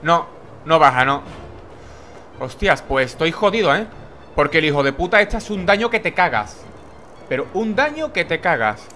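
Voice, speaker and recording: A man's voice: on the high side, big pitch swings, normal speed, pauses often, sharp tone, a little hiss or hum. A young man from Spain with a Castilian accent, commenting casually on a video game, tired late at night and swearing freely. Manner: swearing, chatty, jokey. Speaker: gaming YouTuber.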